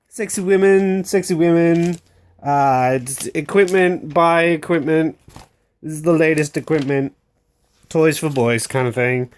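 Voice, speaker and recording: A person on an unscripted rant, speaking bluntly and with exasperation, swearing at times and repeating phrases for emphasis in a halting way. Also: medium pitch, darkish tone. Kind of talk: unscripted opinion rant to camera.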